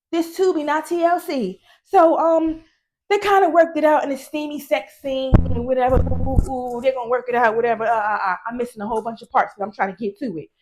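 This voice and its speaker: A middle-aged woman giving a casual, profane movie recap, animated and laughing often. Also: high-pitched. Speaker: movie reviewer.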